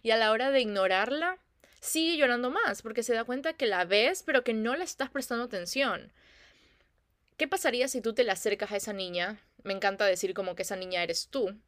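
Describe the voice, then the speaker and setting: A woman's voice: fairly high pitch, brisk, dry recording, clean studio sound. A young woman talks reflectively about feelings as a podcast host, chatty with many fillers. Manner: warm, chatty, many filler "como que". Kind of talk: reflective casual talk.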